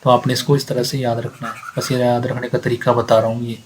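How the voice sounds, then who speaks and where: A man's voice: mid-range voice, monotone, a little fast, a little mellow, slight background noise, rough recording. A man teaching exam facts in a lecture, asking himself questions and answering them, repeating key points. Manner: repeats facts, asks and answers himself, mixes English readings. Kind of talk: explanatory lecture.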